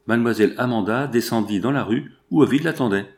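A man narrating a classic novel aloud in a steady literary reading. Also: mid-range voice, fast. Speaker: audiobook narrator.

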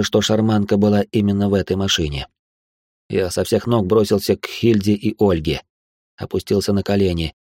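Low-voiced male audiobook narrator. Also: warm tone, no echo, clean studio sound. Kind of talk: first-person audiobook narration.

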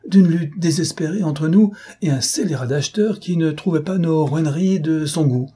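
A man's voice: fairly low pitch, normal speed, dark tone, breathy edge. A man voicing a burly male master gunner who bellows threats in a menacing tone. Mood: blustering. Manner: thundering, menacing.

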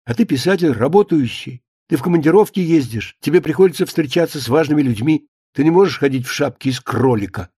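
A man's voice: a little high, animated, quick pace, hardly any pauses, dark tone, slightly rough, no echo, studio quality. A man reading an audiobook and voicing a nagging middle-aged wife who scolds her husband insistently. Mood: scolding. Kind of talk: audiobook character voice.

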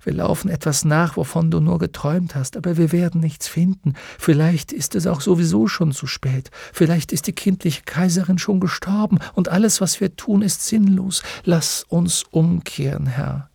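A man reading an audiobook and voicing a weary, despairing talking horse that speaks haltingly and often in a whisper. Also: fairly high pitch, creaky, mellow, husky, no room sound, studio quality, pitched above the performer's own voice. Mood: hopeless. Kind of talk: audiobook character voice.

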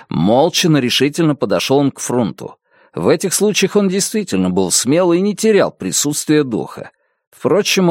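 Expressive male audiobook reader. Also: medium pitch, dry recording, clean studio sound. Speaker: audiobook narrator. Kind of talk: literary reading.

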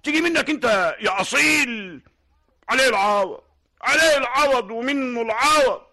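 An actor with an Egyptian accent playing a proud, touchy older hajj in a radio drama, loud and quick to take offence. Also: male voice, extremely high pitch, animated, exaggerated voice. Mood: offended blustering. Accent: Egyptian Arabic.

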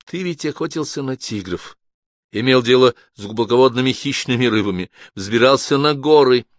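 A man's voice: mid-range voice, moderate pace, no echo, clean studio sound, voice pushed up, natural voice. Man voicing a young woman, teasing, mocking, raised light voice, audiobook. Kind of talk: audiobook character reading.

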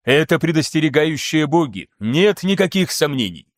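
A man voicing an excitable, theatrical male scholar who lectures insistently in an audiobook. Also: a little high, normal speed, no room sound, studio quality. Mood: lecturing excitedly. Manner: animated, insistent, showy.

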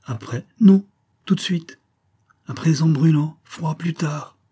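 A man's voice: a little high, slow pace, dark tone, slightly rough, voice pushed up, heavily acted. A man reading aloud, voicing a coy, evasive young woman in an audiobook story, with short teasing replies that sometimes drop to a whisper.

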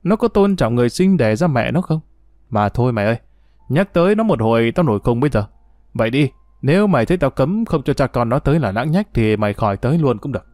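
A man's voice: mid-range voice, expressive, fast talker, a little mellow, no room sound, studio quality, close to an everyday voice. A man voicing a bitter, scornful older brother in a read-aloud story, scolding harshly.

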